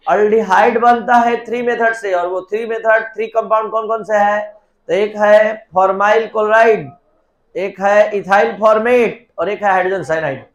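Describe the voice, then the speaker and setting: A man teaching a chemistry class, dictating reaction steps one by one and prompting students to answer. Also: high voice. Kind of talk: classroom lecture. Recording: echoey classroom.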